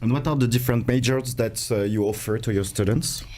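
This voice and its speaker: A man's voice: medium pitch, fairly quick, darkish tone. A man hosting a live online interview, asking questions hesitantly with many fillers. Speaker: host.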